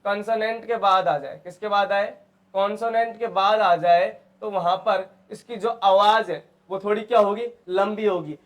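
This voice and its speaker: A man's voice: high voice, moderate pace. A man teaching English pronunciation in who keeps asking his students questions and repeating each answer. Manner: asks and repeats questions, calls students "beta". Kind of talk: classroom lesson.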